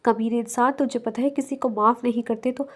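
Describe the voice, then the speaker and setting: A woman's voice: fairly high pitch, fairly even intonation, a bit bright. A woman reading the lines of a brusque, commanding young man in an audiobook novel.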